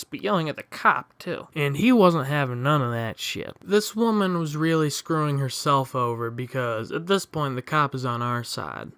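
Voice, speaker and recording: A man's voice: mid-range voice, bright, forceful tone, smooth, no echo. A young man telling a funny personal story in a casual, sardonic, offhand way. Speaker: storytime vlogger.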